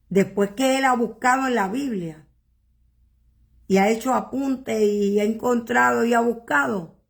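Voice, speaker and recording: A woman pastor preaching a sermon, earnest and emotional, asking rhetorical questions and repeating words with pauses. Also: fairly high pitch, gravelly. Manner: halting repetitions and pauses.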